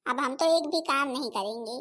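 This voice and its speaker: A woman's voice: high-pitched, a little fast, pushed and bright. A woman voicing a fiery village mother and daughter-in-law who quarrels with her mother-in-law and husband in a home-made cartoon. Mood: combative. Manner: combative, quarrelsome.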